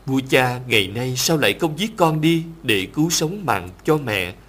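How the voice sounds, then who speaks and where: Male reader voicing a selfless young prince in a scripture story; calm, reverent, measured. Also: mid-range voice. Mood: earnest pleading. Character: devoted young prince, gentle and self-sacrificing.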